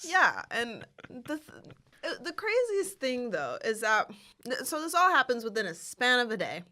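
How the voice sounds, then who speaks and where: A woman's voice: a little high, wildly swooping pitch, moderate pace, sharp tone. A woman co-hosting a film podcast, playful and casual, acting out quotes and swearing freely. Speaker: podcast co-host. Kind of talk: casual film-review chat.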